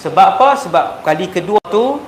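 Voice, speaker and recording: A man with a Malaysian Malay accent preaching a sermon, telling stories animatedly and swinging between loud emphasis and hushed tones. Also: sits high, lively intonation, brisk. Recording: echoey hall with faint noise.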